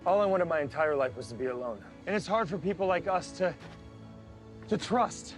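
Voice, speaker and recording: An actor playing a guarded young man tracking down someone from his family's past, speaking in halting, earnest bursts over a film score. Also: on the low side, expressive, a little mellow, close to an everyday voice. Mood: pleading. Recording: film audio with music score.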